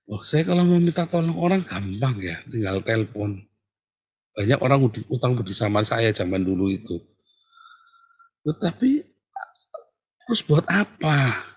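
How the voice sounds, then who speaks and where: A man preaching a sermon in casual everyday speech. He swings between loud exhortation and soft hushed asides, and laughs at his own jokes. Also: mid-range voice, dry recording, clean studio sound. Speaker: pastor.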